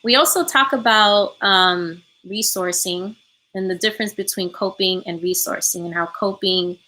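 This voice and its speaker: Bright-sounding woman running a healing workshop on a call, lots of ums, keeps asking right?. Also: mid-range voice, normal speed, low-quality recording. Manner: frequent ums, ends points with "right?". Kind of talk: reflective online workshop talk. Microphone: remote call from home.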